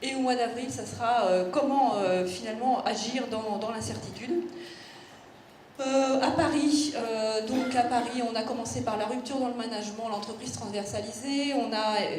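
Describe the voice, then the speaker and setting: A woman's voice: a little high, a little mellow. A woman moderating a conference, introducing the speakers in a chatty, joking way. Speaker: event moderator. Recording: echoey room with faint noise.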